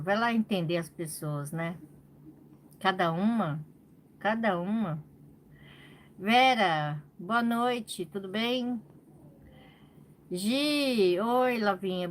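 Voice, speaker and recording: Brazilian woman crochet host, unhurried live chat, faint room noise behind her. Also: medium pitch. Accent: Brazilian Portuguese. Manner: venting, repeats phrases, frequent "né?". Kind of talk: casual live-stream chat.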